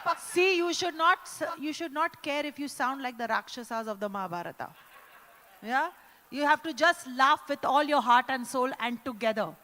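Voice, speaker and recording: A woman with an Indian English accent hosting a corporate live event, teasing the crowd and leading loud cheers and laughter. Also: high voice, lively intonation, normal speed. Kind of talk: energetic live event hosting with audience exercises. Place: large indoor event hall. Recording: echoey hall sound.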